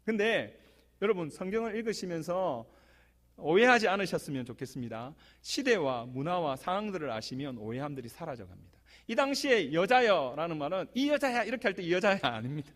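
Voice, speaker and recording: A man's voice: on the high side, very animated, brisk, a bit bright. A man preaching a Korean church sermon, telling stories and addressing the congregation directly. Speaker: pastor. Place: church sanctuary. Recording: long hall reverb.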